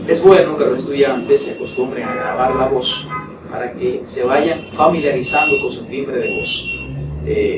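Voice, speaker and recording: Didactic male instructor, repeats key words, heard from a distance with noise behind. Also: mid-range voice. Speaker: oratory instructor. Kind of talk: classroom lecture. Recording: echoey room, voice from a distance, noisy.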